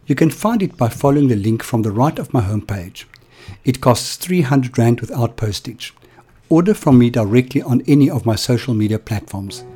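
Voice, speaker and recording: Animated guy hosting a podcast, kinda husky, laughs a lot, pitch jumps all over. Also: moderate pace. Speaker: podcast host. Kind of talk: podcast interview and intro.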